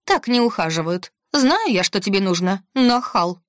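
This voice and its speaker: A woman voicing a fiery, indignant cook who rattles on in a shrill voice. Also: very animated, brisk, fairly bright tone, dry recording, studio quality.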